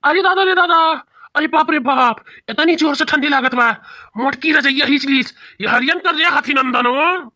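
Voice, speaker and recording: A man's voice: high voice, sing-song, moderate pace, pushed and bright, dry recording, clean studio sound, heavily acted. A man voicing a thin, complaining old village husband in a cartoon, with a whiny, grumbling manner. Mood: whining. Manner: whiny and grumbling, with rustic dialect. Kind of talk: cartoon voice acting.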